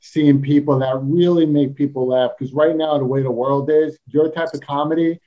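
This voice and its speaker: A man with a Brooklyn accent hosting a casual interview over a video call, jokey and quick to laugh. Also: on the high side, steady tone, lo-fi sound. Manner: jokey, playful, laughs often. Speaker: host.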